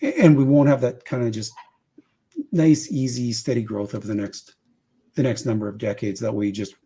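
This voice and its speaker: A man's voice: medium pitch, normal speed, warm tone, breathy edge. A man from Canada chatting casually on a podcast, talking through his ideas with conversational fillers and asides.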